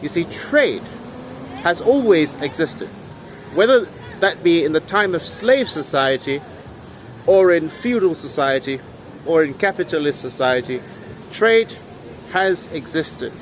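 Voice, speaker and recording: Filming on a phone at arm's length, a young-adult history vlogger lectures earnestly outdoors in a town square by old buildings, stressing key words in a fairly high-pitched voice. Faint street noise and the occasional passing vehicle come through.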